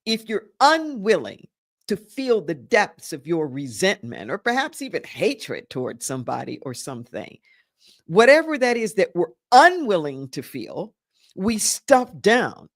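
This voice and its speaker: A woman minister giving a sermon, emphatic, repeating key phrases and checking in with her listeners. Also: medium pitch.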